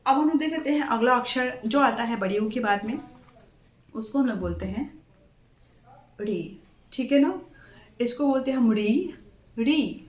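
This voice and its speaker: A woman's voice: fairly high pitch, expressive, measured pace, pauses often, echoey room, low-quality recording. A woman teaching young children their letters, with a patient manner, stressing each word, repeating it, and checking in often. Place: classroom.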